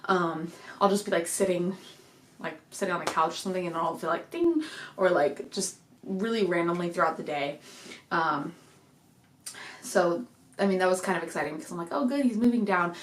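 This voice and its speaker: A woman's voice: lowish voice, fairly even intonation, moderate pace, pauses often, a bit bright, roomy sound. A young woman chatting casually to camera in a rambling home vlog, a little out of breath, with lots of fillers. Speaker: vlogger. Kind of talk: casual pregnancy update vlog. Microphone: desk microphone.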